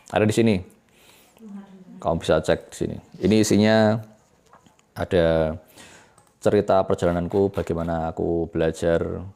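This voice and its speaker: A man giving a relaxed, chatty English lesson, explaining step by step with fillers and quick self-corrections. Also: deep voice, creaky. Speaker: English tutor.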